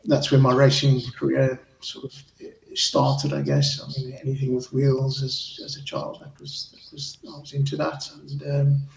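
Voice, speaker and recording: A man with a Zimbabwean accent, chatting casually as a guest on a racing club show, with a friendly, halting way of talking. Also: mid-range voice, gravelly, reverberant, distant mic, slight background noise, rough recording. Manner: hesitant, restarts phrases, friendly. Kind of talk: casual interview chat.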